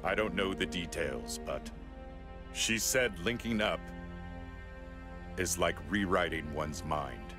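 An actor playing a huge, stoic male android in a video game, speaking in a grave, measured, formal way. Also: low-pitched, lively intonation, music in the background. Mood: calm, formal. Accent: American. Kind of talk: video game cutscene acting.

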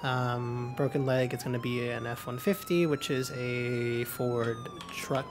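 A man's voice: medium pitch, measured pace. A man playing a police officer in a game, switching between police radio call-ins and casual commentary. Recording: noisy gameplay audio with sirens behind.

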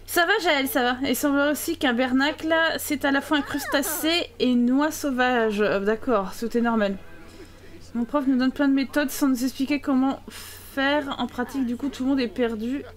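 A high-pitched woman commentates her game live and answers her chat as she plays. She talks in a chatty, teasing way with a sarcastic edge. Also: normal speed. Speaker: streamer.

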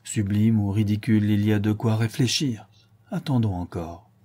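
A man reading a literary audiobook aloud, with expressive narration that lifts when he voices the characters. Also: fairly low pitch, moderate pace. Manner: expressive reading, lifting his voice for quoted characters. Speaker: audiobook reader.

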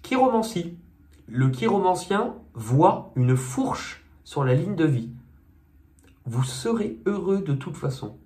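A man's voice: a little high, sing-song, takes it slowly, warm tone. A man giving a casual monthly tarot reading, chatty and hesitant, with many fillers and self-mocking asides. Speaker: tarot card reader. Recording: echoey room, faint noise.

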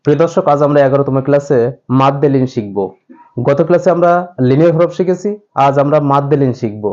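A man teaching Quran reading in a recorded class, asking and answering his own questions and drawing out example words slowly to show how they sound. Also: a little high, a little mellow, lo-fi sound. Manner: repeats examples slowly, drawing out vowels to demonstrate pronunciation; addresses viewers directly, asks and answers his own questions.

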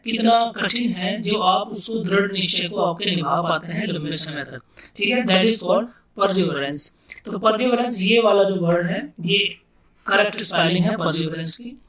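A man's voice: high voice, fairly bright tone. Indian man teaching in an echoey room. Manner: explains slowly, repeats words and asks himself questions. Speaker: English vocabulary teacher. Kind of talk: casual classroom-style explanation. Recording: echoey room, distant mic.

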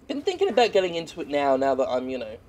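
A man's voice: a little high, huge pitch swings, very fast, darkish tone, a little hiss or hum. A British man giving casual, rambling and self-deprecating gameplay commentary, swearing freely as he plays. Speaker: gamer commentating over gameplay. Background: faint video game action sounds.

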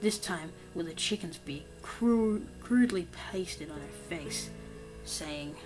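A woman with a fairly low voice reads a creepypasta horror tale in a steady scripted tone. Her voice goes hushed and slow for the grim parts, over clear background music. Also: low-quality recording. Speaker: creepypasta narrator. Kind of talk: scripted horror story narration.

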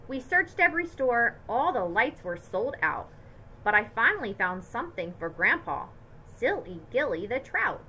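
Bright, expressive woman reading aloud. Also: on the high side, normal speed, slight background noise, poor audio. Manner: lively, expressive storytelling. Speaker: teacher. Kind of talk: reading a picture book aloud to children.

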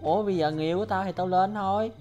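A man's voice: sits high, rapid-fire, lo-fi sound, over music. A young man with a Southern Vietnamese accent, a gaming YouTuber arguing indignantly over voice chat and hurling accusing retorts. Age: young adult. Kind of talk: heated in-game voice chat argument.

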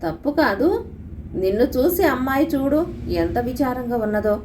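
A woman's voice: high voice, big pitch swings, normal speed, a little mellow, far from the mic, a little hiss or hum, voice pushed up. A woman voicing an old nursemaid who coaxes and boasts with confidence, in a storybook reading. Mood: coaxing. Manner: coaxing, boastful.

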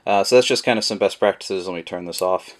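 This low-pitched man speaks quickly as he walks through how to use a product, his relaxed delivery wandering and full of filler words. He reviews products, and the camera mic records him at an indoor table.

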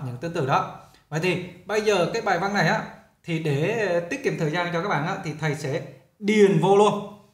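A man talks through a lesson as a teacher, in a chatty, repetitive way. His voice sits a little high for a man. The recording has a roomy echo around it. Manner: chatty, repeats himself while explaining. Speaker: English teacher. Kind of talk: casual classroom explanation.

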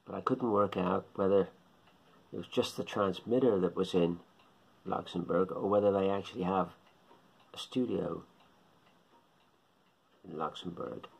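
In a small indoor living room, a shortwave radio hobbyist, a middle-aged Englishman, muses to camera through a close-range phone or webcam. His voice is husky and gravelly, sitting low with a steady, darkish tone, and he speaks at a measured pace with frequent pauses. His talk rambles and circles back on itself.

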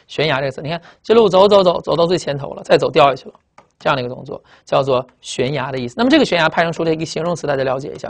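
A teacher giving a classroom vocabulary lecture at a board, emphatic, asking rhetorical questions and spelling words out letter by letter. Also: medium pitch. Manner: spells out letters and drags out target words slowly.

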